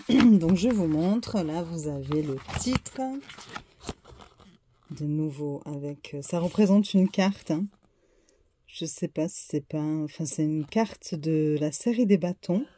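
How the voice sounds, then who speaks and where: Slow, mellow-voiced French-speaking woman. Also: low-pitched, husky. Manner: hesitant, fills pauses with euh and hein. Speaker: tarot deck reviewer. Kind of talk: casual show-and-tell unboxing.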